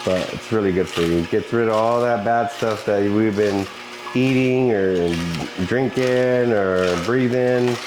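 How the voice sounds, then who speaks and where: A vlogger with a lowish voice speaks unhurriedly in a motivational vlog, earnest and encouraging and laughing often. Background noise can be heard.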